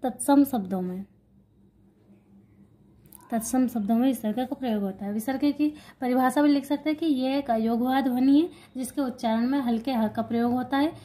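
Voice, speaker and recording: High-voiced woman teaching grammar. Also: warm tone. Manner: repeats key points and asks questions she then answers; explains while writing on a board. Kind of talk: exam-prep grammar lesson.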